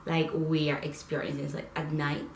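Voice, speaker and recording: A woman's voice: low voice, measured pace, creaky, reverberant, rough recording. A young woman talks straight to camera in a loose, chatty way, peppering her talk with "like" and swearing. Her voice rings around a reflective room, with a faint hum of ambience behind her. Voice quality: animated, swears freely, lots of "like". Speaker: vlogger. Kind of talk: casual spiritual vlog talk.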